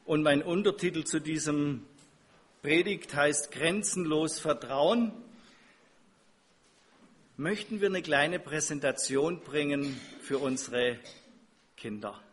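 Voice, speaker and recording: A man who is preaching, introducing his sermon and its Bible reading in a measured way. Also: a little high.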